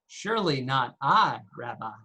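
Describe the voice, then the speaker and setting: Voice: mid-range voice, sing-song, measured pace, pushed and bright, breathy edge, heavily acted. A youth reader taking the part of Judas the betrayer in a church reading, in a plain read-aloud way. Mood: sly. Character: Judas, scheming male betrayer.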